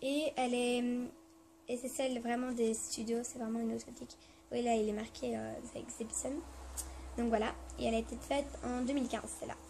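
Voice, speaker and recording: A woman vlogger chats to her viewers in a casual storytelling vlog. Her voice sits a little high and has a soft, mellow tone. She sounds eager but hesitant, filling her sentences with fillers and restarts. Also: little pitch movement, brisk, gravelly, a little hiss or hum. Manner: chatty and enthusiastic.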